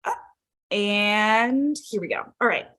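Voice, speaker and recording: Clicking through a tech demo for teachers, this woman coach sounds loose and chatty, her mid-range voice lively in intonation and bouncing with excitement. She moves slowly, and her friendly, informal screen-share tutorial is packed with "like" and "right?".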